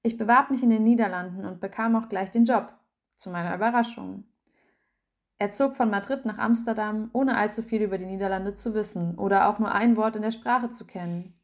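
A woman narrates a written feature from a script, reading the article aloud. Her pitch sits in the middle, and she keeps her delivery even and measured from start to finish.

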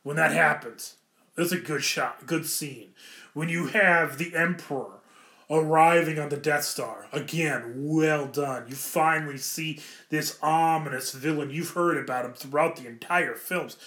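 A man's voice: on the high side, unhurried, pushed and bright, reverberant. A man giving casual, enthusiastic film commentary, rambling and often correcting himself mid-sentence. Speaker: film reviewer.

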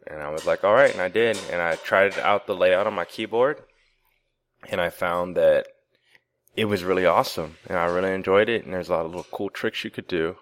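A man co-hosting an interview podcast, telling a personal story in a relaxed, talkative way. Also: deep voice, a little fast. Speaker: podcast co-host. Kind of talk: casual interview chat.

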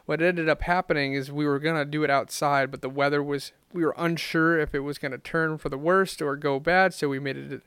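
Clear-voiced male podcast host. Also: a little high, fairly even intonation, a little fast, few pauses, a bit bright, no echo. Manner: loose and chatty, with many fillers. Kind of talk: casual podcast chat.

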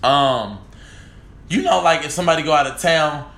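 A man's voice: fairly high pitch, moderate pace, a bit bright. A man in casual podcast chat, telling stories in an emphatic, rambling way. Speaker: podcast co-host. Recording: echoey room.

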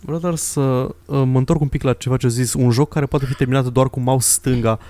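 A man's voice: mid-range voice, steady tone, warm tone. A man co-hosting a casual chat show, explaining his points in a dry manner, dropping in English phrases. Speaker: podcast co-host.

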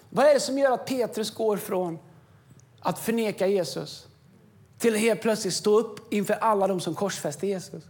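A man giving an impassioned sermon as a pastor on a church stage, swinging from quiet stretches to shouting. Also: very high-pitched. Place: church stage with music behind.

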